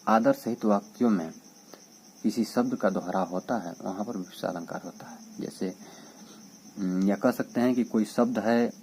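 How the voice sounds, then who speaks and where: A man's voice: on the low side, a little mellow, a little hiss or hum. A man teaching a casual exam-prep lesson. He reads out definitions and verses, then explains them with lots of repetition and fillers. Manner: explains by repeating and reading out definitions, frequent fillers.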